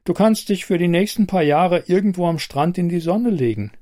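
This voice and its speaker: A man voicing a cool female android bodyguard in an audiobook, speaking calmly and firmly. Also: sits high, normal speed, no echo, clean studio sound, voice pushed up, close to an everyday voice. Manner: calm, firm, matter-of-fact.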